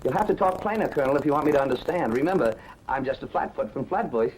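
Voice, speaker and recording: An actor playing a sarcastic ex-cop private detective with a Brooklyn accent, in 1940s film acting with a breezy, wisecracking delivery. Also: male voice, medium pitch, lively intonation, quick pace, darkish tone, lightly acted, rough recording. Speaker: private investigator. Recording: old film soundtrack with faint hiss.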